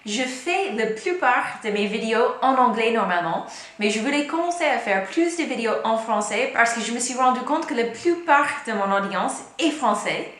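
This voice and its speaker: A woman's voice: fairly high pitch, lively intonation, moderate pace, fairly bright tone. A young woman from the United States with a strong American accent, a native English speaker, chatting casually to camera as a vlogger and stringing her thoughts together. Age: young adult. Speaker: YouTube vlogger. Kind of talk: casual direct-to-camera vlog. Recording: echoey room.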